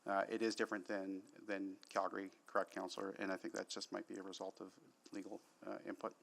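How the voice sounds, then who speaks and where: A man representing the police commission, answering councillors' questions with measured, hedging explanations in a council chamber. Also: sits low, monotone, creaky, fairly bright tone.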